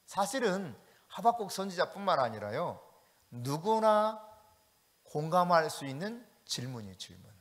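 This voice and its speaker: A man's voice: sits high, very animated, normal speed. A male pastor preaching a sermon, reading scripture aloud and asking the congregation questions. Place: church sanctuary. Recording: long church hall reverb.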